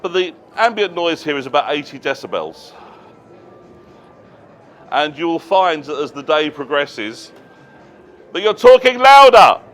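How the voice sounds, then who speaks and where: A man's voice: a little high, lively intonation, unhurried, long pauses, a bit bright. Man explaining plainly to a live audience. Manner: explains plainly, with asides and self-corrections. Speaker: presenter at a trade show. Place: noisy exhibition hall.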